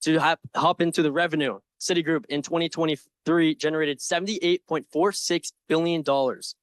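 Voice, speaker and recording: A young man delivers a prepared pitch in a confident, earnest way. His voice sits a little higher than average for a man. He slips into informal phrasing now and then, and the sound is very dry, with hardly any room in it. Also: fairly even intonation, normal speed, dry recording. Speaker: presenter in a stock pitch competition. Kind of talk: prepared slide presentation pitching an investment.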